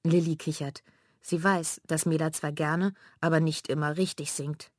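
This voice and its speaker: A woman narrating a children's audiobook in a clear storytelling manner. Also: low-pitched, steady tone, moderate pace, darkish tone, no room sound, studio quality.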